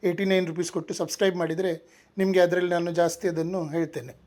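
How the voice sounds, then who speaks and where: A man teaching a language lesson, reciting each verb form twice in a steady rhythmic drill, then plainly explaining his course. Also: high voice, racing.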